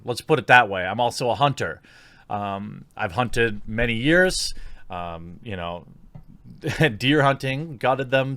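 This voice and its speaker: Here a YouTuber riffs critically and sarcastically, his opinions delivered casually in a mid-range, slightly bright voice. The close-mic recording is dry.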